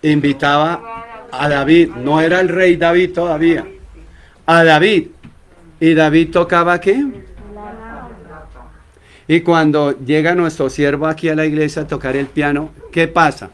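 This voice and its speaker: A man's voice: a little high, fairly even intonation, measured pace, pauses often. A man preaching a sermon as pastor, asking the congregation rhetorical questions and acting out short quoted exchanges between church members.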